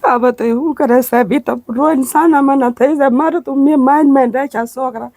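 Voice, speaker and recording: A woman, crying as she tells of her hardship in a halting, pleading way. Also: sits high, darkish tone, dry recording. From Gujarat. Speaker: interviewee, widowed mother. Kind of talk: emotional testimony.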